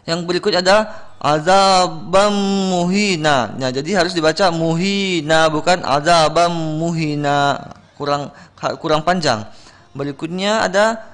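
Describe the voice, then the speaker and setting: A man giving patient, corrective feedback on Quran recitation on a radio program, slowly sounding out each word. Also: a little high, a bit bright.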